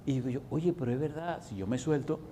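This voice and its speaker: A Dominican man in his sixties preaching a sermon, swinging from loud exhortation to hushed, folksy storytelling. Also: mid-range voice, quick pace, slight background noise. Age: 60s. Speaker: pastor.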